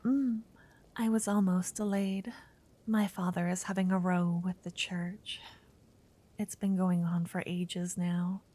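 Woman doing a nervous young noble lady, all hushed whispers, slow and warm. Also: on the low side, level tone. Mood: nervous whispering. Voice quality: soft whisper. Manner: hesitant, stammering. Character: shy, nervous young noblewoman meeting her betrothed. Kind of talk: whispered ASMR roleplay.

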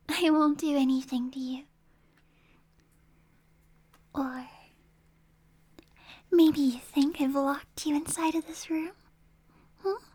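A woman's voice: high-pitched, steady tone, slow pace, long pauses, warm tone. A woman voicing a possessive, unstable young supernatural girl who holds a human captive, in an ASMR roleplay. She talks mostly in a whisper, coaxing, then suddenly snapping. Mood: coaxing, menacing.

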